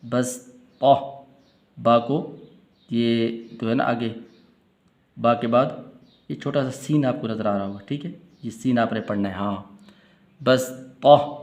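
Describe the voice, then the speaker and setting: A man teaching recitation, chanting verses slowly and melodically, then breaking off to explain pronunciation rules quickly. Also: mid-range voice, steady tone. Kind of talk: melodic recitation with spoken correction.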